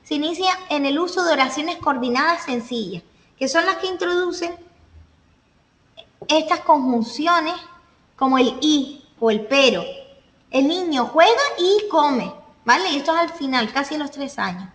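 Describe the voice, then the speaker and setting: A woman gives a classroom lecture in a high voice, walking through points with examples and pausing to check her listeners follow. The sound is roomy with a long reverb tail. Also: fairly bright tone. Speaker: teacher. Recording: echoey room, voice from a distance.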